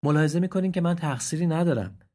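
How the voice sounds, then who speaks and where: Man doing a proud husky gazelle. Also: a little high, darkish tone, pitched above the performer's own voice, natural voice. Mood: pleading. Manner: raised, pleading and indignant. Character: proud grieving adult male gazelle. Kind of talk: storybook voice acting.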